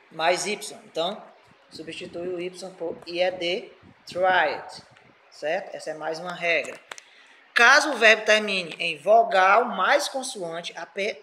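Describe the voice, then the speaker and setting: A man's voice: high-pitched, bright, forceful tone, a little hiss or hum, low-quality recording. A man with a Brazilian Portuguese accent, explaining grammar rules as a teacher and checking in with his students often. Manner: patient, checks in with "certo?" often. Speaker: English teacher.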